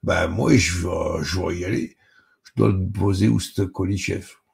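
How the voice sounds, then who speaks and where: A man's voice: deep voice, fairly even intonation, a little slow, vocal fry, darkish tone, exaggerated voice. A man voicing a willing young male worker who jumps in eagerly.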